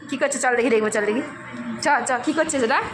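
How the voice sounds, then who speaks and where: A woman's voice: high-pitched, brisk, over music. A woman filming a casual family vlog at home, chatting to a small child and laughing often. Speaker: vlogger. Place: family home, kitchen and living room. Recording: noisy home phone recording.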